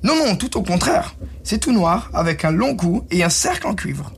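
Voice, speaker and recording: A man's voice: sits high, very animated, normal speed, slightly rough, pitched above the performer's own voice, exaggerated voice. A man doing a know-it-all old guard dog. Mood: explaining. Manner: lecturing, know-it-all, reminiscing. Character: old chained male guard dog, gruff and knowing.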